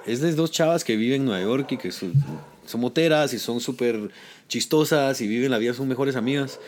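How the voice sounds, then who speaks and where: A man with a Guatemalan accent chats in an easygoing interview, telling stories from his acting career. He speaks at a brisk clip, packs in local slang and acts out the people he quotes. There is a faint noise in the background. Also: medium pitch. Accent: Guatemalan Spanish. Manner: animated storytelling, heavy slang, acts out quotes. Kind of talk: casual interview chat.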